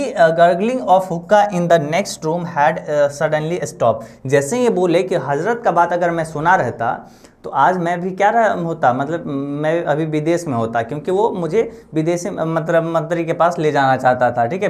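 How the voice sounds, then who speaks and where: A man's voice: on the high side, unhurried, a little mellow. A male English teacher walking students through a story line by line. He restates each point several times and keeps checking in with the listener as he goes. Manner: repetitive, checks in often with the listener. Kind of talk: line-by-line lesson explanation.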